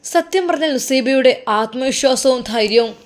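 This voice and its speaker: A woman's voice: sits high, normal speed, slight background noise. A woman narrating a religious story with emotive, dramatic delivery.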